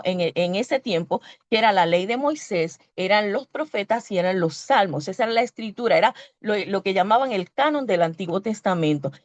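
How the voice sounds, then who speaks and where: A woman's voice: medium pitch, a little mellow, no room sound. A Puerto Rican woman preaching a sermon, teaching earnestly and stopping to correct herself as she reads scripture. Her voice sits in an ordinary middle register. The sound is dry and a little dull. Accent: Puerto Rican Spanish. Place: church.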